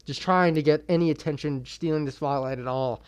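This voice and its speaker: A man's voice: on the high side, steady tone, a little fast, smooth. A young man hosting his own MMA channel, ranting in a heated, profane and blunt way about a boxing match. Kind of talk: ranting reaction vlog.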